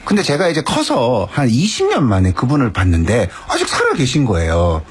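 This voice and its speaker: A man on a talk show panel, explaining ideas and telling animated anecdotes. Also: medium pitch, brisk, husky. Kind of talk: casual talk show chat.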